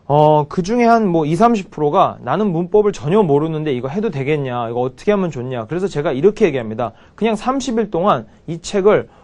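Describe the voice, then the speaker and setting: A man teaching English grammar, repeating English example sentences slowly and chatting bluntly between drills. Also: on the high side, expressive, a little mellow. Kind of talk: spoken English lesson with drills.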